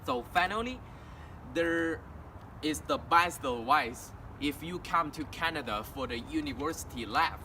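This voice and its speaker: Fairly high-pitched, bright and forceful, with lively intonation, a young man from China gives a walk-and-talk presentation as an international student. A Mandarin native with a Chinese accent, he speaks haltingly with frequent restarts and simple learner grammar. He's outdoors in a town near a house and street, recorded from a distance amid traffic.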